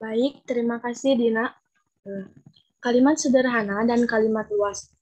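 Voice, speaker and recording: Higher-voiced woman starting a presentation. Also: fairly even intonation, normal speed, darkish tone. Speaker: student presenter. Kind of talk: class presentation on grammar.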